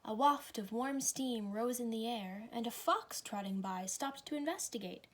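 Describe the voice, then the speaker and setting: A woman with a fairly high voice reads a story for children. She phrases each part clearly and puts expression into the telling, as a storybook reader does. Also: normal speed. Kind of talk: children's story read aloud.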